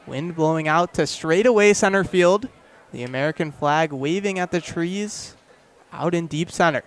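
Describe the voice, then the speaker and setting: Broadcasting live from an outdoor ballpark, this young male radio announcer delivers colorful baseball play-by-play that swells with each big moment. His pitch is a little high, his tone clear and resonant, his pace moderate.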